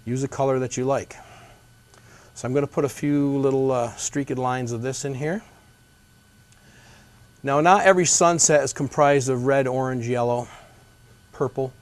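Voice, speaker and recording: A man gives a painting demonstration as a gentle instructor. His voice sits at a medium pitch, and he explains each step in an easygoing, folksy manner. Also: fairly even intonation, moderate pace, pauses often.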